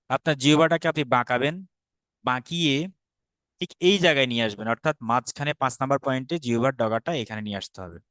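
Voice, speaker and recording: A patient Bangladeshi man teaches an online grammar class. He speaks at an ordinary middle pitch, sounds out letters slowly for his students to repeat, and drops English words into his explanations. The recording is dry and close, with no room sound. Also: a bit bright, no echo. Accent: Bangladeshi Bengali. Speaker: Sanskrit teacher.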